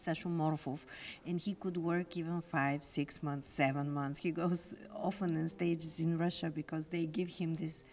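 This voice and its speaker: A woman's voice: deep voice, flat delivery, normal speed, a little mellow. A woman with a Bulgarian accent conducting an informal interview in English as a non-native speaker, searching for words as she goes. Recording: noticeable background noise.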